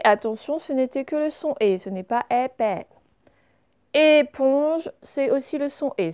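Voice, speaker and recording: Mellow-voiced woman teaching a reading lesson. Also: on the high side. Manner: clear, careful word-by-word correction of exercises. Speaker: primary school teacher. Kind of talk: recorded reading lesson for young pupils.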